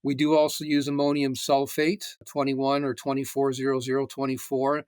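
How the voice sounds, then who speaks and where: Canadian man, sixties, retired agronomist guest, measured and explanatory, dry close sound. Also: mid-range voice, completely flat delivery, darkish tone, clear, resonant tone, no echo. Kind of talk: casual interview.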